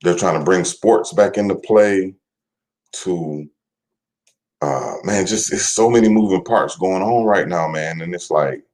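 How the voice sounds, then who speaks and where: A man's voice: low voice, a little slow, darkish tone. A young man casually chatting on a livestream, greeting viewers by name and rambling with loose, repetitive talk and the odd curse. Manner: loose, rambling, swears, repeats himself with "man". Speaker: livestream host.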